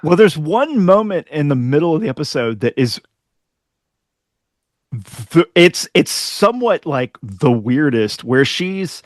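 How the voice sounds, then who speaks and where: A man co-hosting a podcast, rambling and halting in a casual chat. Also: a little high, big pitch swings, no echo. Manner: rambling, halting, laughs often. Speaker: podcast co-host.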